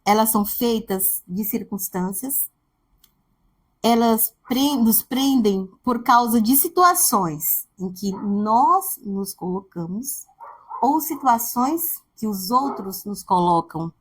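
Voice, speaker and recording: A woman's voice: a little high, animated, slow pace, slightly rough. Brazilian woman preaching a sermon. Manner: storytelling, acts out quoted voices.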